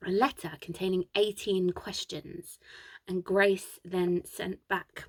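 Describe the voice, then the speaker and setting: Casual woman host with a sore throat, reading history from notes with chatty asides, a fairly low voice. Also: level tone, slow pace, husky, dry recording.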